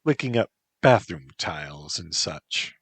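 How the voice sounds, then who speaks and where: A man's voice: low-pitched, big pitch swings, a little slow, husky, no echo, full character voice. Man reading proud spirit woman, solemn, aggrieved, dry close sound. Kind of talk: storybook narration.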